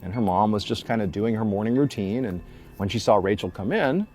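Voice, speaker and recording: A man's voice: lowish voice, animated, brisk, a little mellow, faint music behind. A man telling creepy true stories in an informal, dramatic way, conversational and emphatic as he builds suspense. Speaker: storyteller, host of a story show.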